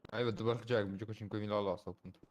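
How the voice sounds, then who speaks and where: A man's voice: lowish voice, steady tone, rapid-fire. A man chatting casually as he plays a game with friends. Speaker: player in an online roleplay game stream. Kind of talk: casual gaming chat.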